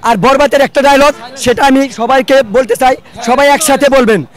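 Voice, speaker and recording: A man with a Bangladeshi Bengali accent, a moviegoer interviewed outdoors outside a cinema, talking emphatically and repeating himself as an excited fan. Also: extremely high pitch, moderate pace. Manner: repetitive, emphatic, fan enthusiasm. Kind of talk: excited street vox pop. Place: outdoors outside a cinema hall, crowd around. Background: crowd chatter.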